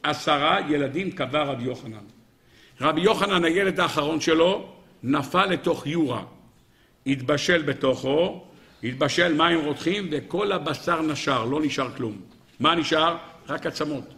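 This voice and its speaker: Male rabbi preacher, high bright voice, dramatic storyteller, surges loud then drops to a hush. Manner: dramatic, swings between loud exclamations and hushed low passages; addresses audience as "gentlemen", acts out rabbis' dialogue. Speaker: rabbi lecturer. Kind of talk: Talmudic sermon storytelling.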